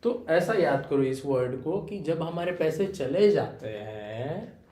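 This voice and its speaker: Young male Indian tutor, Marathi-tinged, slightly high-pitched, patient explainer, echoey room. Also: expressive, slow, dark tone. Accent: Marathi-influenced Indian. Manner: explains with repeated fillers like "okay" and "है ना"; addresses students fondly as "बेटा". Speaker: English vocabulary teacher. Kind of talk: Hindi-English vocabulary lesson.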